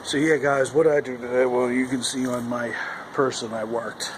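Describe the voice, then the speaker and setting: Male vlogger, mid-pitched, rambling casual talk, recorded outside with clear wind noise over a handheld camera. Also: little pitch movement, moderate pace. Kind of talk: casual vlog chat to camera. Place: outdoors in the cold wind. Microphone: handheld camera at arm's length. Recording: windy outdoor recording, loud wind noise. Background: howling wind noise.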